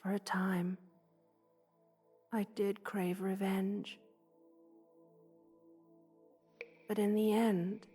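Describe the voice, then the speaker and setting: Husky and medium in pitch, a woman's voice gives life to a motherly, loving spider queen in a quiet ASMR roleplay, sounding sad and resigned. She's tender and wistful, frequently sinking toward a whisper.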